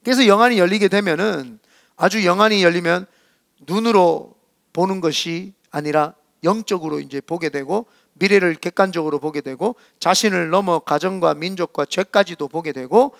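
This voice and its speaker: A man's voice: on the high side, vocal fry, a bit bright, dry recording, studio quality. A middle-aged Korean man with a Gyeongsang accent preaching a sermon as senior pastor, emphatic and scolding, full of rhetorical questions. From South Korea.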